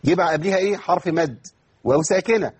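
A man with an Egyptian accent teaches Quran recitation in an online lesson. His voice is very husky and sits a little high, and he talks at a fast clip. He keeps asking questions and answering them himself, and he stretches words out slowly to demonstrate. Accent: Egyptian Arabic.

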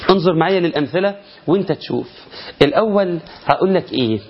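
An Egyptian-accented man teaches tajweed, asking himself questions and answering them as he walks through each rule. His voice sits a little high for a man. The recording sounds dull and lo-fi. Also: animated, a little hiss or hum. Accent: Egyptian Arabic. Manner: explains step by step with rhetorical questions, slows down to chant example verses. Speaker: Quran recitation teacher.

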